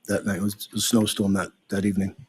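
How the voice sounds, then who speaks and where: A middle-aged police officer testifying in a courtroom recording, his husky, fairly low voice giving brief answers. He hesitates often with "um" as he recalls details. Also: little pitch movement, quick pace. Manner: short, plain answers with hesitant "um"s. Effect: heard through a courtroom recording. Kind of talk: witness testimony. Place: witness box in a courtroom.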